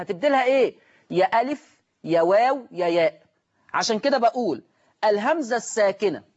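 A man's voice: high voice, lo-fi sound. A man with an Egyptian accent teaching Quran recitation on a broadcast lesson, asking himself questions, answering them, and repeating key terms.

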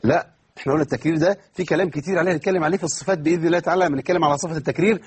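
A man with an Egyptian accent teaching Quran recitation in an online lesson. He asks himself questions and answers them, and he stretches words out slowly to demonstrate. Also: a little high, slightly rough. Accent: Egyptian Arabic.

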